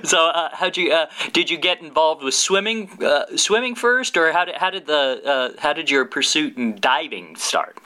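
Brief: young male interviewer, crisp bright voice, friendly, restarts his questions often. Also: a little high, expressive, normal speed, hardly any pauses. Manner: friendly, affirming, stumbling questions. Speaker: interviewer, graduate student. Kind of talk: oral history interview.

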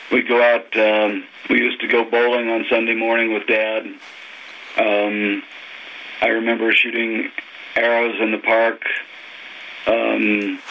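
Older texas guy on the phone, low and kinda flat, lots of ums, slight hiss. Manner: unhurried, hesitant, many ums. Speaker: interviewee, former Olympic diver. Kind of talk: phone oral history interview. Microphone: telephone. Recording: muffled phone line with faint noise.

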